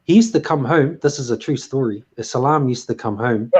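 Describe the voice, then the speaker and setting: A man's voice: mid-range voice, normal speed, darkish tone, breathy edge. A man hosting a casual chat, rambling with lots of fillers and restarts. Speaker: host.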